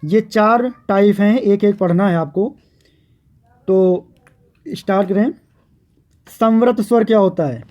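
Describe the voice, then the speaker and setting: Man, teacher, slow repeated dictation, mellow dark tone. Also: sits high. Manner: slow and patient, repeating definitions for note-taking. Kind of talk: classroom lecture on grammar.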